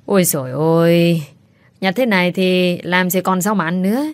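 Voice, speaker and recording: A woman voicing a sharp-tongued, nosy middle-aged aunt who nags and scoffs, in a spoken story. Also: on the low side, moderate pace, no room sound, natural voice. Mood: scornful. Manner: scornful, nagging.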